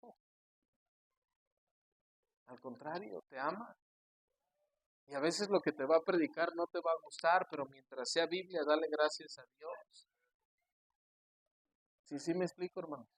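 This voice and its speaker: High-pitched man preaching a sermon. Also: measured pace, pauses often, dry recording, low-quality recording. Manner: preaching with anecdotes, acting out church members' voices; swings from hushed storytelling to loud emphatic preaching. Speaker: pastor.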